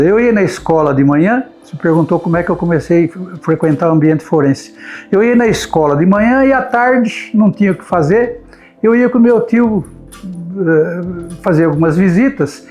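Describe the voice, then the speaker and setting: A man's voice: high-pitched, a little mellow. A man in his seventies with a Brazilian accent, recounting his past in a rambling oral-history interview and often repeating words while he searches for them. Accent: Brazilian Portuguese. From Brazil, São Paulo state. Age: 70s. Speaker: notary interviewee.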